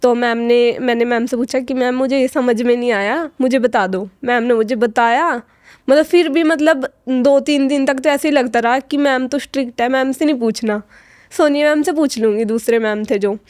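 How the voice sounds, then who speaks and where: A woman's voice: high voice, fairly even intonation, normal speed, a little mellow, no room sound, clean studio sound. A young woman, a fashion design student, telling her story in a podcast interview, hesitant and full of fillers, her voice choked up as if near tears. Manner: hesitant, many fillers and restarts.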